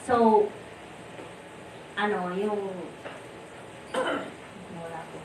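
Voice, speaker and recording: A woman's voice: mid-range voice, extremely slow. A middle-aged woman with a Filipino accent, a disciple sharing rambling memories at a temple gathering, often searching for words. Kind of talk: informal remembrance talk, Taglish. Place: temple hall. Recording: roomy, distant mic, faint noise.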